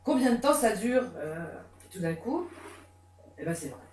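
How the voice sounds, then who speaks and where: A woman psychotherapist giving a lively, conversational talk with many fillers and restarts. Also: a little high, normal speed, slight background noise. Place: conference room. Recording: echoey room, mic far off.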